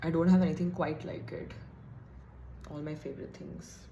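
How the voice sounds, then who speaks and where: A young female beauty vlogger chats casually and thinks out loud while doing her makeup in a get-ready-with-me video, with a slightly self-deprecating edge. Her voice is low and mellow with fairly even intonation and a moderate pace, recorded in an echoey room with slight background noise.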